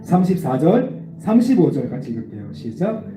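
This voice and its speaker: A man's voice: a little high, moderate pace, loud music behind the voice. A man giving a children's sermon, asking the kids questions as he leads them through a Bible passage. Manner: animated, asks the children questions. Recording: echoey room, distant mic, faint noise.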